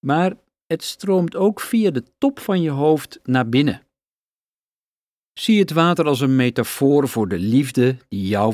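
A man calmly and soothingly narrating a scripted guided breathing meditation, giving unhurried instructions. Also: medium pitch, dry recording, studio quality.

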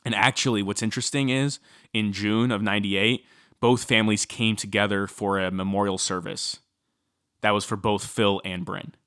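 A man's voice: on the low side, moderate pace, no room sound, clean studio sound. A man casually recounting a true-crime story as podcast co-host, chatty with many fillers. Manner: chatty, filler-heavy, animated when quoting.

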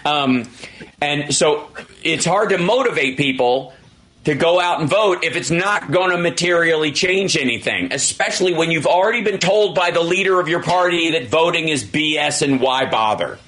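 A man's voice: fairly high pitch, expressive, moderate pace, a bit bright. A middle-aged man hosting a radio show, riffing on politics in an emphatic, jokey, casual way.

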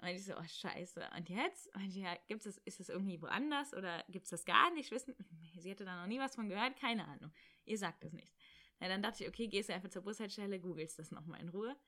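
A young woman casually telling a story about her travels, animated and acting out bits of dialogue. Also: medium pitch, quick pace. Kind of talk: casual chat.

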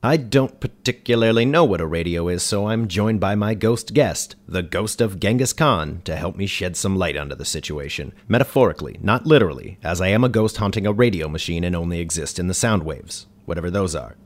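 An actor playing a dry, exasperated ghost who hosts a radio show, speaking in a deadpan, wry way. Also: male voice, sits low, brisk, hardly any pauses. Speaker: host. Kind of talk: comedy radio sketch.

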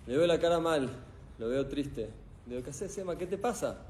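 Animated Argentine man telling stories. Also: fairly high pitch, normal speed, slight background noise. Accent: Argentine Spanish. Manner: animated storyteller who quizzes the audience. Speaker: motivational speaker. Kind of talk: live motivational talk to an audience. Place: event hall full of people. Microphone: speaking without a microphone.

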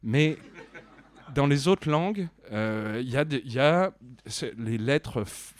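A man giving a deadpan mock review of a dictionary, rambling with many restarts and fillers. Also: mid-range voice, slow pace, no room sound, studio quality.

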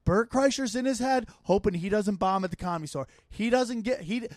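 A man with a high-pitched voice and a dry, close sound talks in an excited, emphatic way and swears freely. He is a comedian guest on a casual podcast recorded in a home studio. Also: dry recording. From Armenian and Italian heritage. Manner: excited, heavy swearing, rapid emphatic bursts.

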